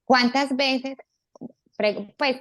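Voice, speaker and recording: A woman co-hosting a casual podcast discussion, animated and telling personal stories with acted-out quotes. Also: sits high, very slow. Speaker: podcast co-host.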